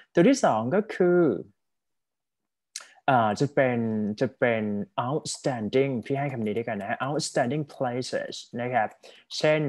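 A young man with a Thai accent leads an online English speaking class in an unhurried, measured voice. His pitch sits right in the middle for a man, and he switches between Thai and English, stopping often to check that his student follows. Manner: mixes Thai and English, explains step by step with frequent check-ins. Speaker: English tutor.

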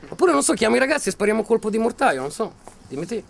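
An actor playing a volatile, menacing militiaman who taunts and mocks, then bursts into shouting. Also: high voice, very animated, very fast, vocal fry, heavily acted. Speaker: soldier threatening a journalist. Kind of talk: film acting.

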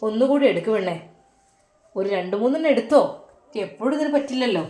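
A woman voicing a young husband who teases his wife gently and lets her have her way, in a soft, lowered voice. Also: animated, fast talker, echoey room, close to an everyday voice. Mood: teasing. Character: teasing young husband, easygoing and indulgent.

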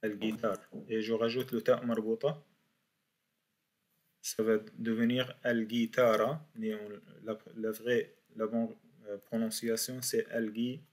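A man teaching a beginners' class in French, slowly repeating each word for his students. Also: lowish voice, flat delivery. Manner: slow, repeats words for learners. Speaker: Arabic teacher. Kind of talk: university language lesson.

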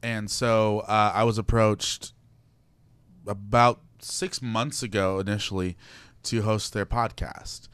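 A young man telling animated, excitable stories as a guest on a casual radio show. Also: on the low side, takes it slowly, clean tone, dry recording. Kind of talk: casual radio interview storytelling.

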